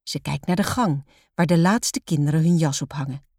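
A woman reading a children's storybook aloud in a calm, measured way. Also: low-pitched, dry recording, studio quality.

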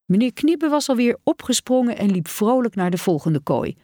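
A woman in her forties reading a children's story aloud with an expressive delivery. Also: a little high, moderate pace, dry recording, clean studio sound. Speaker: story reader. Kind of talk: storybook narration.

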